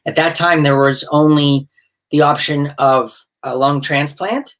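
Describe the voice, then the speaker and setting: A man's voice: fairly high pitch, fairly even intonation, measured pace. A man chatting casually over a video call as a guest supporter, rambling and restarting his sentences. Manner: rambling, warm-hearted, restarts often.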